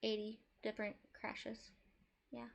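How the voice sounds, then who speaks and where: A woman streaming a game, chatting casually with wry, quick asides and reading lines aloud. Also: on the high side, monotone, gravelly.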